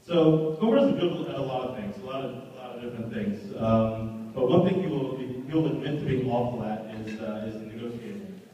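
A man's voice: mid-range voice, a little fast, highs cut off, a little hiss or hum. A young man giving a joking best man speech at a wedding, telling stories and often restarting his words. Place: wedding reception hall. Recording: echoey hall from far off.

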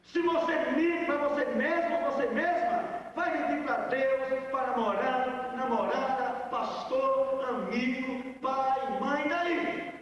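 High-voiced man preaching in an echoey hall. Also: slow, a bit bright. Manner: emphatic preaching with rhetorical questions to the congregation. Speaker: pastor. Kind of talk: sermon. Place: large hall. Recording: echoey hall, voice from far off, dull sound.

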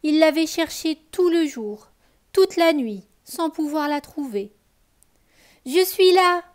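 A woman reading a children's picture book aloud, telling it expressively for young listeners and then softly asking them questions. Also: sits high. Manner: expressive, slow storytelling for children; soft, gentle address to the child listener. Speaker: children's storyteller.

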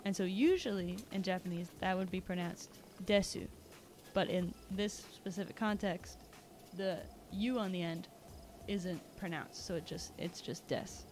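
A woman's voice: lowish voice, normal speed, darkish tone, a little hiss or hum. A woman from Canada chatting casually while streaming a video game, rambling and laughing often. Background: video game music.

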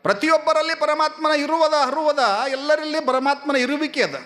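A male preacher with a North Karnataka Kannada accent, telling a moral story in a sermon, dramatic and swinging between hushed and loud. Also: very high voice, flat delivery, normal speed. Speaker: spiritual preacher.

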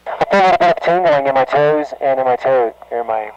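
A young man, an aircrew trainee, speaking in a slow, confused, repetitive way through an oxygen mask. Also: medium pitch, lively intonation, clear, resonant tone, muffled recording. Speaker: military aircrew trainee in altitude chamber. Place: small altitude training chamber. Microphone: oxygen mask microphone. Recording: noisy radio intercom, machine hum.

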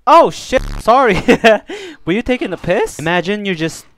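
A young man commentating a horror game he is playing, loud, joking and often swearing as he yells at enemies. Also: sits high, very animated, moderate pace, dry recording. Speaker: gaming commentator. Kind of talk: let's play commentary.

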